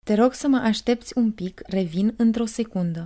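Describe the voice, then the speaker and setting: A woman reading short phrases clearly and carefully for learners, saying each one several times. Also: on the high side, dark tone. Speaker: language teacher.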